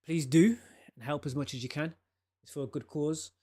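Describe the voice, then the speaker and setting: A man's voice: a little high, fairly even intonation, normal speed, mellow. A man, chatting casually with viewers on a live game stream and laughing often. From England. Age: 30s. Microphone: desk microphone.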